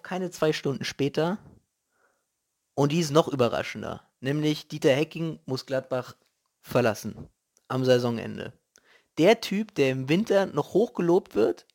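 Indignant man ranting, slightly high voice. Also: gravelly. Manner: indignant, emphatic, colloquial, punchy repeated phrases. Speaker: host of a football commentary show. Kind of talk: opinionated football rant.

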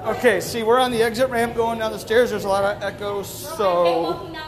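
A man with a squeaky, strained voice that is giving out, chatting enthusiastically and casually with lots of swearing as he records a podcast. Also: steady tone, moderate pace. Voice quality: strained, squeaky voice, losing it from yelling. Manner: enthusiastic, opinionated. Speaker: podcast host. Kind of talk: casual, sweary amusement park podcast chat. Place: outdoor theme park, on exit stairs and in queues. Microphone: handheld phone. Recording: busy outdoor crowd and ride noise.

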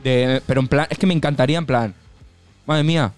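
A man's voice: mid-range voice, fast talker, a little mellow, no room sound, soft background music. A man from co-hosting a casual, comedic chat, joking and swearing. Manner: joking, swearing, puts on silly voices. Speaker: podcast co-host.

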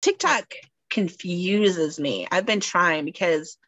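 A woman chatting casually on a podcast, telling stories in an animated way and laughing often. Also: lowish voice, slow, no room sound.

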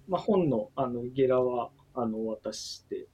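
A man's voice: medium pitch, animated, moderate pace, a loud crowd. A man who is a book author guest, speaking politely and hesitantly on a livestream with many fillers. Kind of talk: casual livestream chat.

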